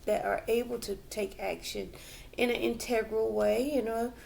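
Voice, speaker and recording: A woman giving a tarot reading to viewers, slow and reflective, with many fillers and restarts. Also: a little high, steady tone, vocal fry, darkish tone. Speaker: tarot reader.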